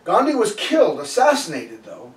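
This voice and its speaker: A man preaches in a relaxed storytelling way, often breaking off and starting his sentences over. His voice sits fairly high for a man. He is picked up from a little way off the mic, in a room that echoes. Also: normal speed, recorded from a distance. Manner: loose and storytelling, with frequent restarts. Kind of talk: conversational sermon. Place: church sanctuary.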